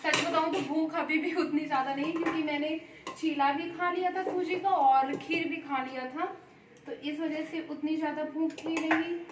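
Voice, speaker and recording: A young woman with a high, light voice chats to camera at home in a loose, meandering, homely way. A faint hum of noise sits behind her. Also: steady tone, moderate pace, reverberant. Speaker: vlogger. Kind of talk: casual chat to camera. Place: indoors at home.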